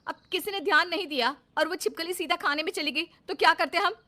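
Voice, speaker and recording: A woman's voice: extremely high pitch, fast talker, sharp tone, pitched above the performer's own voice. A woman voicing an exasperated young daughter-in-law who complains in a cartoon story. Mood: complaining.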